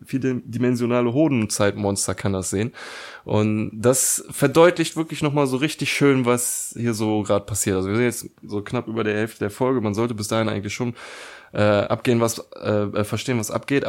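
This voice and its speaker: A man's voice: on the low side, darkish tone. A man in casual podcast chat, retelling scenes animatedly with many fillers. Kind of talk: casual podcast chat about a cartoon episode.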